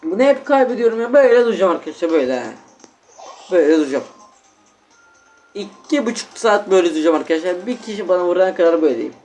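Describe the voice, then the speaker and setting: Excitable young man commentating a game. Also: sits high, quick pace, soft background music. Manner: excitable, exasperated, talks straight to viewers. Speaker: gaming channel host. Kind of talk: live gameplay commentary.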